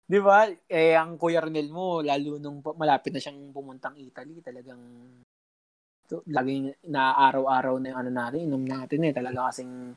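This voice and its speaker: A man's voice: medium pitch, steady tone, normal speed. Young man, casual co-host: loose, rambling storyteller full of fillers. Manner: rambling storyteller with many fillers and mild swearing. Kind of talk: casual chat.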